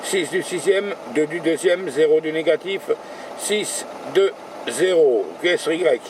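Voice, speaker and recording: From a mobile station in his vehicle, a man makes radio contact calls and chats in operator jargon, spelling out call signs. His voice is fairly high and unhurried, and the recording is very noisy.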